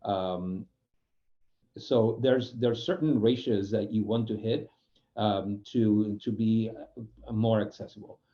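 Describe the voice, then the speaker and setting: As a guest speaker, a UX program manager from Spain explains things informally in Spanish-accented English, which is not his native language, restarting phrases and groping for words along the way. His fairly low voice is slow with fairly even intonation, and the recording is muffled.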